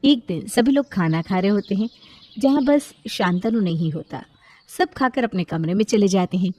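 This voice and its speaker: A woman narrating a scripted moral storybook in an even storytelling manner. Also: medium pitch, moderate pace.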